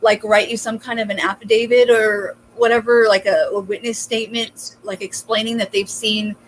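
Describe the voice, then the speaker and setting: A woman hosts a casual interview over a video call, talking in a chatty, encouraging way full of fillers. Her voice sits at an ordinary middle pitch. A faint background hum runs under it. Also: little pitch movement, moderate pace, poor audio. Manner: chatty and supportive, many fillers. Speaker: host.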